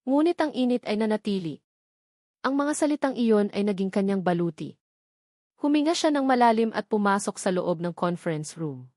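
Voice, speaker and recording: Here a woman with a Filipino accent narrates a scripted love story full of drama, her mid-range voice carrying a darkish tone. The recording is dry and of studio quality.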